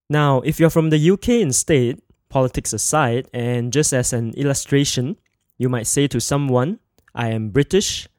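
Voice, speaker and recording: A man teaching a podcast language lesson, speaking clearly and slowing down to repeat words for learners. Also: medium pitch, darkish tone, dry recording, clean studio sound. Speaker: Mandarin teacher.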